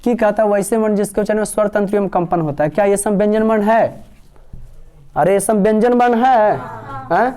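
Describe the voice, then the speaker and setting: A man's voice: high voice, a little fast, mellow. A male teacher, dictating a grammar lesson word by word and quizzing his students. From Bihar, India.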